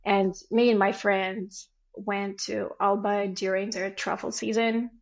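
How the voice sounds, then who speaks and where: A woman in her forties with a Ukrainian accent, appearing as a podcast guest, tells stories in casual conversation and acts out family dialogue. Her mid-range voice has little pitch movement and she speaks slowly, though the audio sounds dull.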